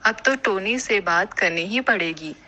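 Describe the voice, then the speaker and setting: A woman voicing a kind, motherly female pigeon in an animated cartoon, speaking gently and giving advice. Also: medium pitch, dull audio. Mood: caring. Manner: gentle and advising.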